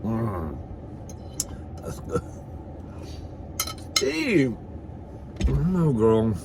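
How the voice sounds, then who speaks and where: An animated, mid-range male voice at a moderate pace comes through with background noise. Eating for his comedy mukbang vlog, he chats casually to the camera, campy and sassy in calling everyone "girl" and "honey," and bawdy, with free swearing.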